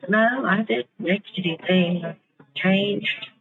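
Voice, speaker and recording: A woman talking through a voice changer while posing as a scam target, with slow, halting, vague answers over a deliberately muffled phone line. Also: medium pitch, pitched above the performer's own voice. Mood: playing dumb. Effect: voice changer, muffled on purpose. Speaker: scambaiter.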